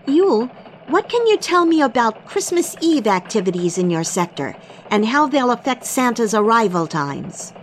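A woman's voice: on the high side, very animated, moderate pace, a little hiss or hum. A woman playing a cheerful elf news anchor. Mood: bright. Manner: upbeat, polished anchor delivery. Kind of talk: mock radio newscast.

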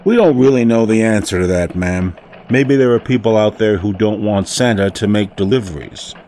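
A calm, formal elf security chief acted by a man, with a fairly low voice. He speaks like a measured, reassuring official in a scripted radio interview, with faint noise behind him. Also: natural voice. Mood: guarded.

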